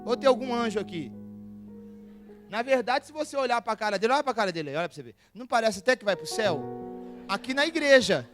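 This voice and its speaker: A young man with a Brazilian accent, preaching a sermon in church, telling stories in a lively, joking way and laughing often. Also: very high-pitched, fairly quick. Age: young adult. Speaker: pastor. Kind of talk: humorous storytelling sermon. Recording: music playing behind the voice.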